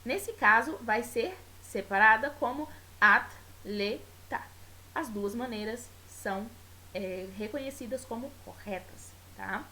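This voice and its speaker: A woman's voice: a little high, lively intonation, bright, forceful tone, a little hiss or hum, low-quality recording. Brazilian woman teaching a Spanish lesson. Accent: Brazilian Portuguese. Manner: explanatory, repeats words slowly and stretches them for pronunciation; checks in often with tag questions. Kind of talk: recorded school video lesson.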